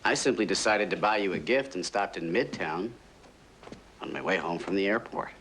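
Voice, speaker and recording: An actor playing a defensive, indignant husband denying an accusation, heard from a worn tape copy of a film. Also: male voice, deep voice, normal speed, a bit bright, slight background noise, poor audio. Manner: indignant, swinging from scoffing to insistent.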